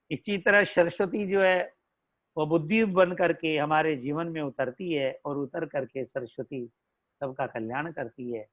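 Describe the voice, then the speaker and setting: A male religious storyteller with a Hindi accent gives an unhurried devotional discourse, drawing out his words and slipping into chanted, melodic verses. His voice sits high for a man, and the recording is dull and lo-fi.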